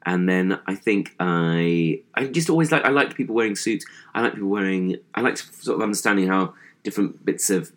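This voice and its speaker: A man in his thirties from England with a posh voice, talking in a deadpan, self-deprecating way as a guest in a casual interview. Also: deep voice, brisk, few pauses.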